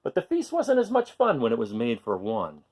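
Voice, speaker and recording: Reading a picture book aloud to young children, a husky-voiced man keeps a normal pace while his pitch rises and falls dramatically. He expressively slips into chatty, questioning asides to his young listeners.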